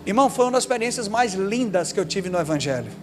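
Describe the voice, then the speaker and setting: A man's voice: sits high, very animated, quick pace. A man with a Brazilian Portuguese accent preaching a sermon, telling a story with passion and building to emphatic repetition. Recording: preaching over guitar music. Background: soft guitar music.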